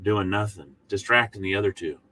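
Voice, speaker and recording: A man teaching the Bible in a short devotional, speaking in a folksy, emphatic manner with pauses between short phrases. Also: lowish voice, pushed and bright, a little hiss or hum.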